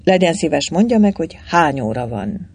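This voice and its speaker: Flustered tipsy young man, pleading, a man reading, husky, gravelly. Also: a little high, sing-song, darkish tone, heavily acted.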